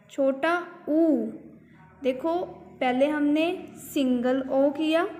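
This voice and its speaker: A woman's voice: sits high, mellow. Woman teacher, spells letter by letter, quizzes class, reverberant room. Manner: spells words letter by letter and asks the class questions. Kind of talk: phonics lesson for children. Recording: long hall reverb.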